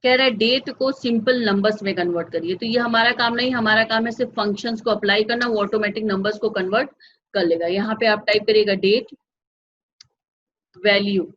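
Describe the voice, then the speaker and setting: A woman's voice: mid-range voice, steady tone, a little fast, fairly bright tone, dull audio. A woman teaching a computer class, patiently walking through each step and checking that the class follows. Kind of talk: step-by-step software lesson.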